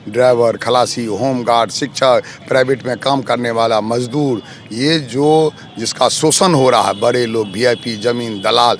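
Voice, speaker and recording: A local election candidate answers interview questions forcefully, making accusations and piling up lists of grievances. His medium-pitched voice stays steady and unhurried with few pauses, over slight background noise.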